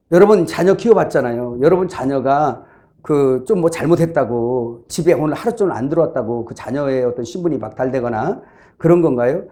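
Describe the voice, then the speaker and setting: A man's voice: on the high side, dark tone. A man preaching a sermon as pastor in a conversational way, acting out quoted inner voices.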